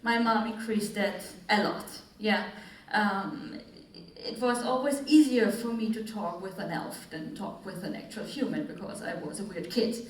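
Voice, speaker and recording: A woman's voice: medium pitch, measured pace, few pauses. Woman, panel talk, laughing, candid, echoey, far from the mic. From Austria. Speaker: panelist author. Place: festival stage in a large hall. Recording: echoey hall, voice from afar.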